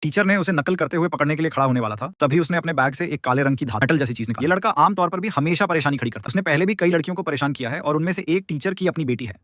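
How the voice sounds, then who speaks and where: A man narrating a dramatic story in a rapid, tense scripted style. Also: a little high, a bit bright, no echo, studio quality.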